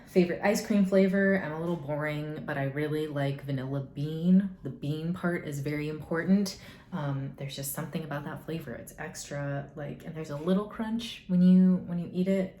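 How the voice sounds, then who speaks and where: This young woman from the US talks at a moderate pace in a low, mellow voice, rambling through get-to-know-me questions for a casual vlog. She is a YouTuber whose answers are full of hedges and dry, sarcastic asides. The room is echoey and faintly noisy.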